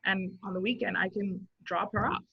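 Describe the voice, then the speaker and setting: Her voice sits at a medium pitch, creaky and husky, with fairly even intonation and a moderate pace. She's a social worker from Zimbabwe in her thirties, guesting on a relaxed interview, earnest and full of fillers as she works through her thoughts. The sound is dull and lo-fi.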